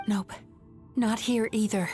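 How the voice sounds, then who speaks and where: A woman playing a composed, resolute dream-hunter guide in a video game, explaining things in a measured, serious manner. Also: mid-range voice, fairly even intonation, over music, close to an everyday voice.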